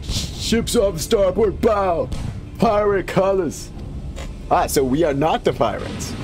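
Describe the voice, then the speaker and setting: Florid, theatrical wanderer, raised pitch and unhurried, voiced by a male streamer. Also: expressive, music in the background. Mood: urgent. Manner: florid, declamatory reading. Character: eloquent, theatrical male traveler. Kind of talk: reading game dialogue aloud in character.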